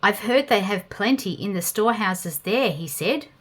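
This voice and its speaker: Storyteller: Australian woman, mid-pitched voice, expressive and measured read-aloud narration for young children. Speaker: storyteller reading a children's illustrated Bible.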